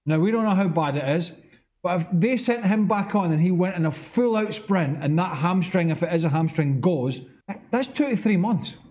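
A man's voice: high voice, expressive, moderate pace, darkish tone. A middle-aged man giving blunt, emphatic football analysis in a TV studio. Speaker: football pundit. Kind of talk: TV studio punditry.

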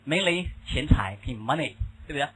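A man's voice: medium pitch, animated, normal speed, fairly bright tone, slightly rough, poor audio. A man teaching an English lesson in Mandarin Chinese, mixing in English words and often asking the class questions, with a Mandarin Chinese accent. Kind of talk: classroom lecture.

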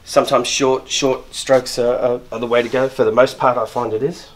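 A man's voice: mid-range voice, level tone, moderate pace. A middle-aged man, a barber, explaining a trim and shave step by step as he works, often restarting and repeating words, in a barber shop. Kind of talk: step-by-step grooming demonstration.

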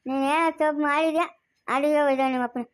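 A woman's voice: high voice, fairly even intonation, racing, natural voice. A woman playing a village woman of the house in a family skit, speaking with a rural Chikkaballapur Kannada accent. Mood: bustling.

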